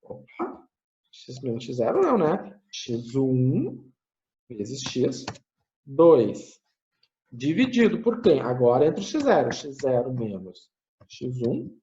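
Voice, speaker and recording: A man teaches a math class, walking through each step aloud and correcting his own slips. His voice swings up and down with animated intonation. The recording is muffled and lo-fi. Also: mid-range voice, slow pace. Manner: thinks aloud, tags phrases with "né?", corrects himself. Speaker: math lecturer.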